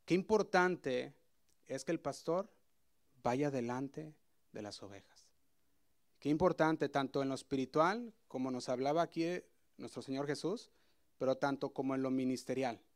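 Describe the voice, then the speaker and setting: A man's voice: mid-range voice, moderate pace. A man preaching a sermon in a conversational way, often asking the congregation questions and hesitating as he explains. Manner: asks the congregation frequent questions.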